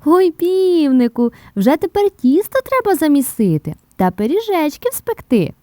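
A woman voicing two lazy, playful little mice with squeaky, childish voices in an audio fairy tale. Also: sing-song, a little slow, no echo. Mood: carefree, whiny.

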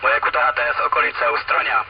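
A man from southern Poland, a CB radio operator heard over a radio transceiver, chatting with call signs and signing off with radio codes. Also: a little fast. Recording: dull lo-fi CB radio, loud static, distant.

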